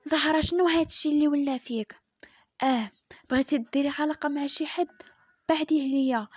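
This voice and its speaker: A woman with a Moroccan accent voicing a young, jealous, quick-tempered husband in a spoken story. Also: high-pitched, steady tone, darkish tone, no echo, pitched above the performer's own voice, close to an everyday voice. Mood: angry.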